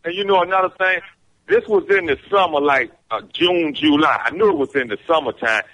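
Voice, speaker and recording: Man, caller, glitchy breaking-up phone audio, bright tense voice. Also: on the high side, fairly quick. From Richmond, Virginia. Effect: breaking-up, glitchy phone-call audio.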